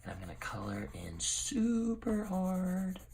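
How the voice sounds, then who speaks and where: A man teaching a drawing lesson, explaining each step as he works, often checking in with "okay?" and dropping to a low mutter while he concentrates. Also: huge pitch swings, takes it slowly, gravelly, darkish tone. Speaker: art teacher.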